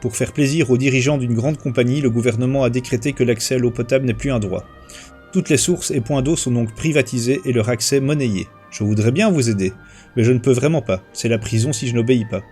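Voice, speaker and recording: A man voicing a village man who guards the well and calmly, apologetically refuses water. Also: mid-range voice, a little fast, faint music behind, lightly acted. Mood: firm. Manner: calm, apologetic explaining.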